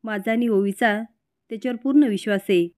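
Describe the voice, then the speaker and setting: A woman voicing a gentle wife who calms and reasons with her family. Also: a little high, fairly quick, no room sound, clean studio sound, lightly acted. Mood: soothing. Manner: soothing, reasoning. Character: gentle calm wife, soothing and loyal.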